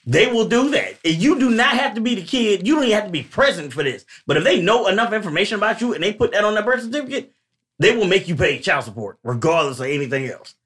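A man with a fairly high voice talks in a relaxed group conversation. He presses his case with emphasis, often cutting in to hold the floor. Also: quick pace. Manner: emphatic, interrupts to argue points. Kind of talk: casual debate chat.

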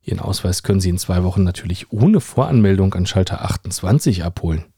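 A man voicing a flustered female Belgian clerk who breaks into shrill, gasping outbursts. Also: expressive, fast, gravelly, mellow, breathy edge, no room sound, studio quality, exaggerated voice. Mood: stiff.

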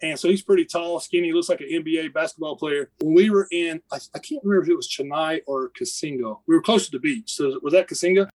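A man's voice: fairly high pitch, fast talker, hardly any pauses, a little mellow, poor audio. A man with an Appalachian accent, a podcast guest telling casual stories about a mission trip in a rambling, self-correcting way. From United States. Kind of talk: casual storytelling.

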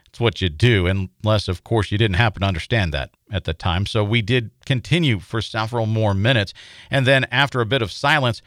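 An American man hosts a scripted paranormal feature in a lowish voice. He tells it in a measured, suspenseful way. The recording is dry, with no room around him. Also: fairly bright tone, no room sound. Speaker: host and narrator.

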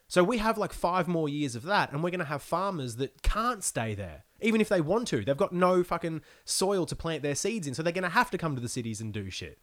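Sweary Australian man with a Queensland accent. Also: on the high side. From Queensland and Byron Bay, Australia. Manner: sweary, animated griping with laughs. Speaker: podcast guest. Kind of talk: casual opinionated chat, comic ranting.

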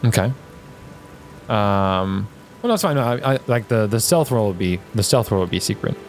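A man's voice: on the low side, animated, normal speed. A man running a tabletop role-playing game as game master, describing scenes in a conversational, improvised way. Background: music and rain sounds.

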